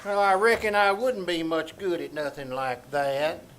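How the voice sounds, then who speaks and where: A man's voice: fairly high pitch, moderate pace, background noise, natural voice. A man playing Abner, a simple-minded, literal country man with a guileless, bumbling Southern US drawl, in old-time radio comedy style before an audience. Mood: meek. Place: small theater stage before audience. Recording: live theater with audience behind.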